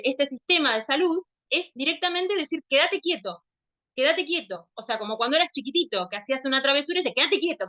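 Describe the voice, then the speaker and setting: A woman in her fifties with a Rioplatense accent and a high, bright-sitting voice talks to camera in an earnest vlog. She explains step by step, poses rhetorical questions and often stops to restart a phrase. The recording sounds dull and muffled. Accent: Rioplatense Spanish. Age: 50s. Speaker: holistic wellness speaker.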